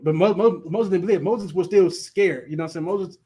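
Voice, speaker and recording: With a high-pitched, mellow voice carrying a breathy edge, a stuttering teacher runs a relaxed Sabbath Bible class at a slightly fast pace. He repeats words, laughs frequently, and speaks straight to the class.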